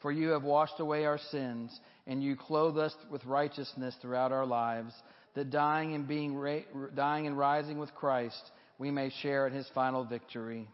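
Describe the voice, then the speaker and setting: A male pastor leading liturgy and prayer in measured, formal phrasing before a congregation, with a cathedral-like echo. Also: mid-range voice, fairly even intonation. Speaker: pastor leading a baptism reaffirmation service. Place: large reverberant church. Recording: muffled recording with long church reverb, cathedral-like echo.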